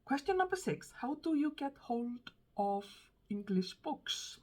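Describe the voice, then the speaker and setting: With a fairly high, sing-song and slightly mellow voice, a woman from Iceland chats unhurriedly to the camera in Icelandic-accented English. A book vlogger, she's thoughtful and hesitant, often saying um and restarting as she looks for words.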